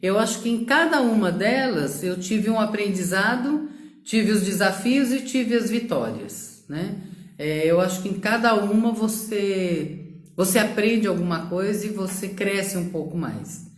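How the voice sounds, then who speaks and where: In a relaxed live social media talk, a middle-aged Brazilian woman from São Paulo state reflects on her career, using lots of fillers and tag questions. She speaks at a measured pace in a mid-range voice, and the sound is reverberant.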